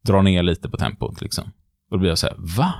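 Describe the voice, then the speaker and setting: A man tells stories in a relaxed podcast chat. He is a lecturer and acts out what people said in his stories. The sound is close and dry, with no room echo. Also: low-pitched, vocal fry. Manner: lively storyteller who acts out the quotes. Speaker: lecturer on behaviour and body language. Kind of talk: casual podcast chat, storytelling.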